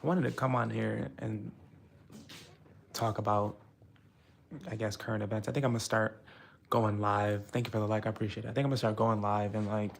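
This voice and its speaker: A young man from the United States chats on a live stream, loose and rambling, thick with fillers and restarts. His voice sits a little low and has a gravelly fry running through it. He sounds frustrated as he works his way through his thoughts. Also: little pitch movement, fairly quick, long pauses, slight background noise. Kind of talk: casual live-stream talk.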